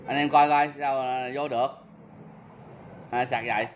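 A man's voice: medium pitch, fairly even intonation, a little slow, dull audio, a little hiss or hum. A man with a southern Vietnamese accent, a seller of used power tools, giving a casual product demo and talking straight to his viewers in a chatty, self-mocking way.

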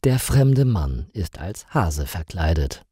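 A man reading a story aloud slowly and clearly for language learners, in a scripted narration style. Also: deep voice, big pitch swings, dark tone, dry recording, clean studio sound. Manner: slow, clearly articulated reading.

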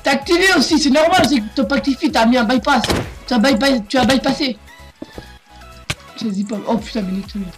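A man's voice: extremely high pitch, quick pace, over music. A young man hosting a gaming video, chatting loosely and trash-talking his friend while he plays. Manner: rowdy trash-talking, swearing, laughing. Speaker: gaming channel host. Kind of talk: casual gaming chat.

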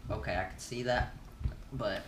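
A man's voice: fairly low pitch, steady tone, normal speed, slight background noise. Teen male YouTuber host, laid-back rambler chewing gum, roomy echo, mic some distance off. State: chewing gum while talking. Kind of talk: casual Q&A vlog.

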